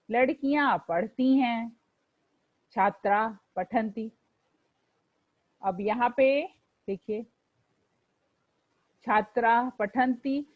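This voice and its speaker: Woman teacher, patient, slow classroom explainer, slightly high voice, lo-fi recording. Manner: slow and patient, reciting word forms aloud for pupils to repeat. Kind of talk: classroom lesson explaining textbook exercises.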